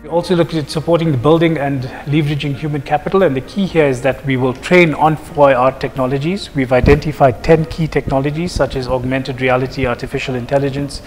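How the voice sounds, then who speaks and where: A man in his thirties from South Africa, a project manager answering interview questions in a measured way, with examples and frequent fillers, seated on a sofa and wearing a lapel mic. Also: medium pitch, fairly even intonation, big-room sound, faint music behind. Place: office lounge, seated on a sofa.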